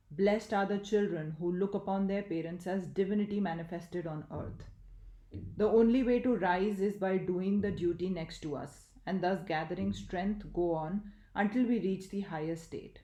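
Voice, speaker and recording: A woman reading a spiritual book aloud in a measured, even way, in an echoey room. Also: lowish voice. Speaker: audiobook reader.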